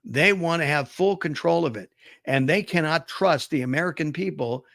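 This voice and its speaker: Brief: middle-aged male radio host, gravelly, slightly high, dry close mic, chatty and opinionated. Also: moderate pace, a bit bright, dry recording. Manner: conversational, storytelling, opinionated. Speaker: radio talk show host. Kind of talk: casual talk-radio commentary.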